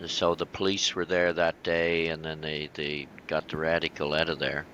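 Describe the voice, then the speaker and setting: A man co-hosting an interview, asking a long question in a halting way and repeating words as he frames it. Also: a bass voice, flat delivery, pushed and bright, highs cut off, a little hiss or hum. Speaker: co-host.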